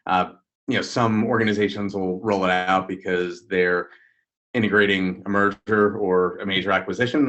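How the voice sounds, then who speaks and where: Deep-voiced man explaining thoughtfully. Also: a bit bright. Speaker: webinar co-host. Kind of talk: live webinar discussion.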